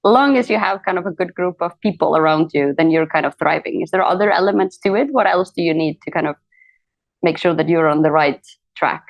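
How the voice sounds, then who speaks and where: A woman's voice: on the low side, a little fast, no room sound. Woman podcast host, friendly, lots of mm-hmms, dry close mic. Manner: friendly, encouraging interviewer with frequent agreeing sounds. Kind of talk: casual interview chat.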